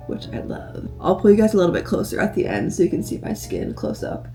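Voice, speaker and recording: A young woman talking to her camera in a fairly low voice, rambling casually and filling her sentences with "like." Her nose sounds stuffed up from allergies. Faint music plays softly beneath her voice. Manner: chatty, rambling, many "like" fillers. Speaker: lifestyle vlogger. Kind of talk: casual vlog chat. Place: bedroom at home, indoors.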